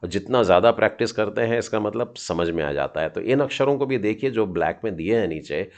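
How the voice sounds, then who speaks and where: A man's voice: fairly low pitch, animated, a little fast. A middle-aged man teaching a children's Hebrew lesson, patiently sounding out each letter and encouraging his students.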